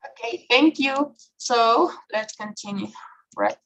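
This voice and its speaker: A woman's voice: fairly high pitch, takes it slowly, a bit bright, rough recording. A woman teaching an English grammar class online, often checking in with "okay?" and "right?". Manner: frequent checking questions, filler okay and right.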